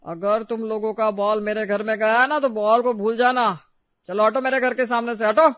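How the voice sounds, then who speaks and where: A woman's voice: mid-range voice, fairly even intonation, normal speed, dry recording, natural voice. A woman voicing a grumpy, proud and stingy old father-in-law who scolds and dismisses everyone, in a storybook tale. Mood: scolding. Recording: dry, slightly dull recording.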